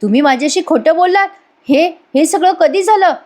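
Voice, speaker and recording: A woman's voice: extremely high pitch, lively intonation, a little fast, darkish tone, pitched above the performer's own voice. A woman voicing a caring young wife who questions her husband earnestly. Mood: hurt.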